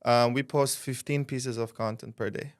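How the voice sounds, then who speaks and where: Dubai guy hosting the chat, confident, fires off questions, smooth clear voice. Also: medium pitch, fairly even intonation, moderate pace. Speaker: host. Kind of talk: casual interview chat.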